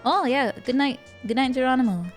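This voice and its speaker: A woman's voice: sits high, brisk. A woman livestreamer chatting casually while gaming, in a playful, cute anime-streamer manner. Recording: music playing behind the voice. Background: music.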